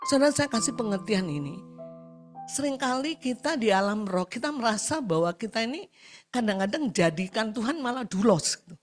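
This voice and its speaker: A woman preaching a sermon over a video call, telling a story with lively acted-out quotes and often addressing her listeners directly. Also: normal speed, faint music behind. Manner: animated storytelling, acting out quotes in a high voice.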